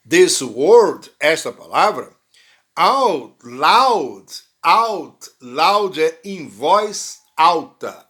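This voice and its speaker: A man teaching English pronunciation. His voice sits slightly high and swings widely in pitch. He speaks unhurriedly, repeating words and checking in with his listeners. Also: fairly bright tone. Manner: reads English lines slowly, then translates and explains in Portuguese; frequent "né?" and "ok?" tags, restarts. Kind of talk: bilingual language lesson.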